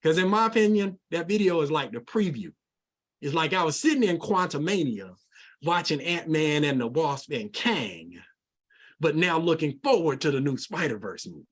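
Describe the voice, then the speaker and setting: A middle-aged man leading an energetic sales training over a video call, animated and folksy, with plenty of casual asides. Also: fairly high pitch, normal speed.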